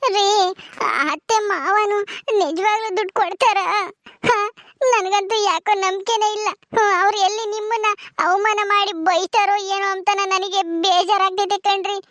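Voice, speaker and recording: A woman's voice: very high voice, fairly bright tone, no room sound. A woman voicing a worried, tearful young village wife who pleads anxiously in a village drama.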